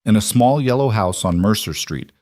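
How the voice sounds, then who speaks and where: A man reading a scripted story in a calm, measured, soft-spoken way. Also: lowish voice, dry recording, clean studio sound.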